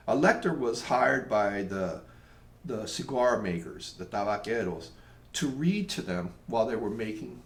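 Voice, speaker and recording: A man from Tampa telling local stories in a casual, rambling way with self-mocking humor. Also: mid-range voice. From Tampa, Florida, USA. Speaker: local storyteller. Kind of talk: casual storytelling monologue. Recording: roomy echo.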